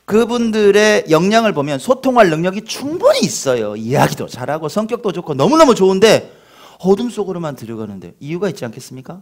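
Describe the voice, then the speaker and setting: Animated middle-aged male pastor preaching. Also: high voice, quick pace. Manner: animated, acts out scolding parents in a shouting voice; talks to the congregation with questions and self-deprecating humor. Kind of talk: sermon.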